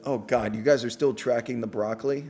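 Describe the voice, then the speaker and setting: A man's voice: medium pitch, steady tone, a little mellow, faint music behind. A man with a New York accent hosting a casual livestream, joking and swearing as he answers viewers. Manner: joking, profane, quick banter. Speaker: host.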